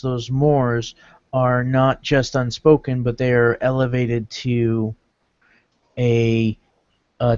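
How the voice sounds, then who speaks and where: A man co-hosting a casual podcast, explaining ideas in a measured, lecturing way, on a dull lo-fi recording. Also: medium pitch, a little mellow, smooth, no echo. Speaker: podcast co-host. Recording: dull lo-fi, dry.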